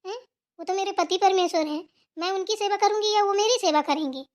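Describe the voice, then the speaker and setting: A woman's voice: very high-pitched, brisk. A woman voicing a lazy, spoiled young daughter-in-law who talks in a whiny, defiant way.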